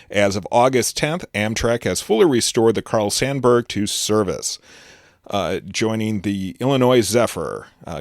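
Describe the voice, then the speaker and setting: Male podcast host, on the low side, casual news roundup with plenty of "uh"s, close and dry. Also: no room sound. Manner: chatty, loose delivery with frequent "uh" fillers and restarts.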